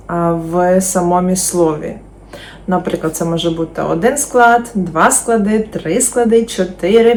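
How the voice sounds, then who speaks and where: A woman teaching English pronunciation in an online lesson, hesitant with many fillers and slowly repeating example words for learners. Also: mid-range voice.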